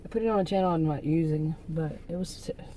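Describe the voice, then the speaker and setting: Mellow-voiced woman rambling in a vlog. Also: sits low, fast talker, a little hiss or hum, low-quality recording. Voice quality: soothing voice. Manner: rambling, easily distracted, trailing off. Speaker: YouTuber. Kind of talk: casual vlog monologue.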